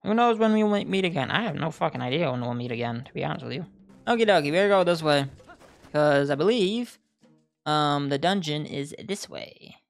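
A young man giving casual, excitable let's-play commentary, swearing and laughing often. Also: fairly high pitch, brisk, creaky, faint music behind. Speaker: gaming YouTuber.

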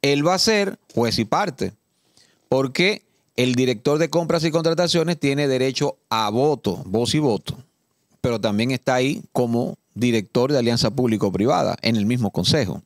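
A man's voice: mid-range voice, animated, no room sound. Indignant Dominican man, dry studio sound. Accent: Dominican Spanish. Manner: indignant, emphatic, reads law text slowly and deliberately. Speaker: political commentator. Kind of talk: casual studio political talk. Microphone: studio mic.

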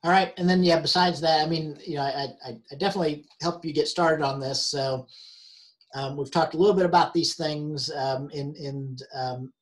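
A man teaching an online help session, halting with many fillers and restarts, and losing his voice. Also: fairly high pitch, steady tone. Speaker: university instructor.

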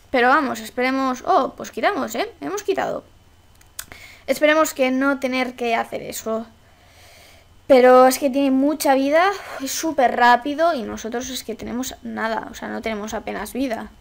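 A woman from Spain with a Spanish accent, giving excitable, exclamatory Let's Play commentary and swearing casually. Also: high voice. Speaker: gaming YouTuber.

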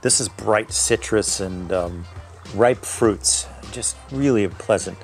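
A man's voice: fairly low pitch, slow, soft background music. A man reviewing his own home-brewed beer in a casual tasting video, thinking aloud and correcting himself as he goes. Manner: describes aromas and flavors in detail.

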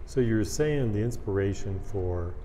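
Guy asking an artist questions in a gallery, lowish warm voice, faint hum. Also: animated, a little slow, long reverb tail. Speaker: arts reporter, interviewer. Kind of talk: interview questions. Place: art gallery.

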